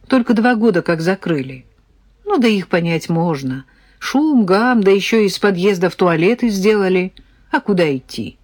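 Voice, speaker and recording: A woman voicing a weary middle-aged woman who brings parcels to a prisoner, talking quietly and sighing. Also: lowish voice, dry recording.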